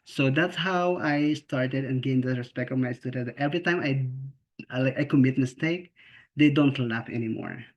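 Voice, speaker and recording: A man from the Philippines with a Filipino accent, whose first language isn't English, teaches special education and speaks earnestly and informally on a video call. His voice is medium-pitched and his pace normal; he frequently repeats and restarts words and keeps asking "okay?" and "right?" The call audio is lo-fi and a little dull.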